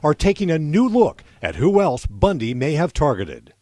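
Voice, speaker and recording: A man narrating a TV news report in a measured, dramatic scripted delivery. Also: a little high, big pitch swings, mellow, dry recording.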